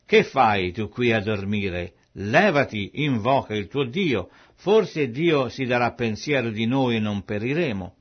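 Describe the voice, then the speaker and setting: A man's voice: medium pitch, animated, unhurried, few pauses, breathy edge. A man reading the lines of a frightened ship captain urging someone awake, on a dull lo-fi recording. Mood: urgent.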